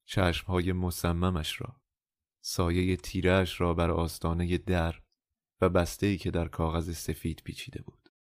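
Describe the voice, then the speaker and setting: A man narrating a novel as an audiobook in a measured, calm first-person storytelling manner. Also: sits low, dry recording, studio quality.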